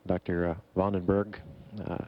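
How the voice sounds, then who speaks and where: A man giving measured, formal, explanatory commentary as a mission operations announcer. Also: deep voice, little pitch movement, very noisy. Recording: dull, muffled broadcast feed.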